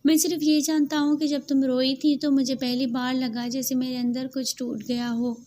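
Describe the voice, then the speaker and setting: A woman voicing a young husband who was stern and is now gentle, speaking softly and earnestly. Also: sits high, little pitch movement, slight background noise, close to an everyday voice. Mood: tender. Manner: soft, earnest, confessional. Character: stern young husband turning tender, man.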